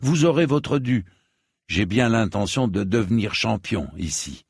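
A man's voice: lowish voice, sing-song, a little slow, vocal fry, slightly rough, dry recording, studio quality, full character voice. A man voicing a tall young hedge knight who speaks earnestly and a little hesitantly.

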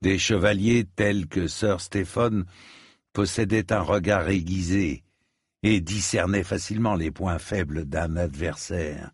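A male audiobook narrator reading a fantasy tale in a measured storytelling manner. His delivery is very slow and his voice slightly low and husky. The sound is dry and close. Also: fairly even intonation, dry recording. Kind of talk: scripted narration.

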